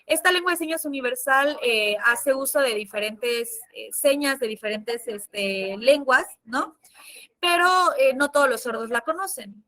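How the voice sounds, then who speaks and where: Mexican woman teacher, high bright voice, expressive and chatty. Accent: Mexican Spanish. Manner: lively, expressive, chatty with fillers. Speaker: sign language interpreter and teacher. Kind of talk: casual classroom lesson.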